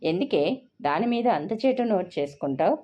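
A woman voicing a sarcastic, sharp-tongued middle-aged mother in a dull lo-fi recording. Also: fairly low pitch, expressive, brisk. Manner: sarcastic, cutting.

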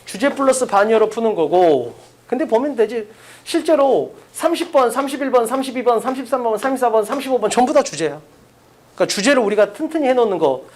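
Lively-pitched man teaching a class. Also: brisk. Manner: casual, blunt, quizzes students by name. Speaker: English teacher. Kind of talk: classroom lecture.

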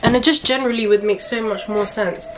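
A woman's voice: on the high side, a little fast, background noise. A young woman chatting frankly through a makeup haul, casual and swearing now and then. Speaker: beauty vlogger.

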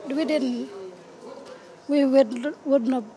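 A woman speaks slowly and hesitantly in an interview, restarting her sentences often. Her voice sits high and she takes her time. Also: steady tone, warm tone. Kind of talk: interview answer.

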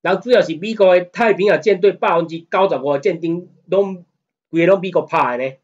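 The sound is lo-fi, and the man's high-pitched voice moves a little quickly. Lecturing casually on law in Taiwanese Hokkien with Mandarin mixed in, he speaks with a Taiwanese accent and keeps asking listeners "you know what I mean?" He grows emphatic and heated whenever he argues.

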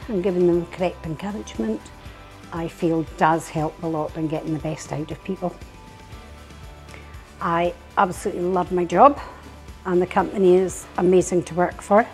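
Woman, fifties, restaurant supervisor, emphatic, slightly low voice. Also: a little mellow. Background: background music.

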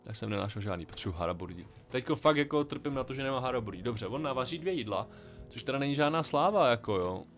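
Man, mid-pitched voice, wry chatty game commentary, faint music behind. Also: lively intonation. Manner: thinking aloud, chatty and wry. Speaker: let's play gamer.

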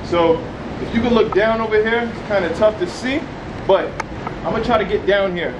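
A young man talking casually to the camera as a travel vlogger while exploring caves outdoors, in excited slangy chat. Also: high-pitched, brisk, background noise. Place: outdoors at a coastal cave. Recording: music playing behind voice. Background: music.

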